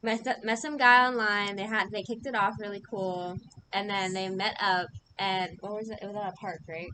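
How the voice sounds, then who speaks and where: A woman co-hosting a podcast, chatting casually and telling animated stories with plenty of swearing. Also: medium pitch, normal speed, a little hiss or hum, poor audio. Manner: animated storytelling, frequent swearing. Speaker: podcast co-host. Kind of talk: casual chat.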